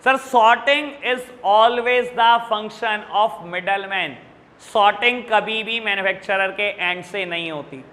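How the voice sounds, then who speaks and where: A man's voice: high voice, slow pace, pushed and bright, in a large hall. A male teacher with an Indian accent lecturing a class, often calling students "beta" and checking in with "theek hai na". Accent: Indian English. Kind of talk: classroom lecture explaining exam questions.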